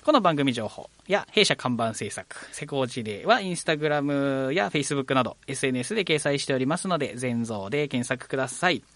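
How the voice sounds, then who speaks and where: A man's voice: medium pitch, expressive, a little fast, few pauses, fairly bright tone, dry recording. A man hosting a live local radio talk show, polite and chatty with frequent fillers. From Kagoshima, Japan.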